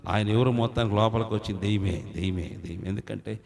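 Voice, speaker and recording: Fervent preacher with wide pitch swings. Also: male voice, fast talker, vocal fry, darkish tone. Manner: fervent, calls out hallelujahs, questions the congregation. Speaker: pastor. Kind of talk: sermon.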